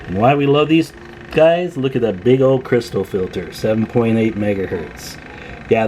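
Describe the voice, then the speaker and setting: Over a noisy background, a man with a lowish voice chats folksily while demonstrating a repair by hand at an indoor workbench. He's a radio repair technician and video host keeping things casual.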